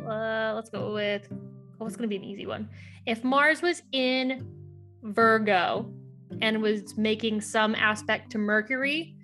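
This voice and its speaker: A woman's voice: on the high side, a bit bright. A woman guest explaining astrology in casual podcast chat, acting out little voices and swearing casually.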